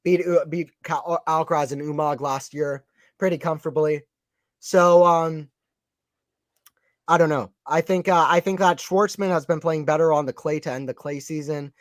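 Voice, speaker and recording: A young live-stream commentator with a fairly high voice gives casual tennis play-by-play, chatting with viewers and reading their chat aloud. He makes quick, excited calls, and the audio is studio quality with no room sound.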